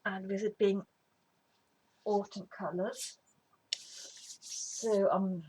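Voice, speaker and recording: Her delivery is flat and medium-pitched, with words drawn out, and the audio quality is poor. The speaker, a middle-aged woman with a slight cold, hosts a craft tutorial, rambling chattily as she demonstrates and dropping to whispers while working, against faint background noise.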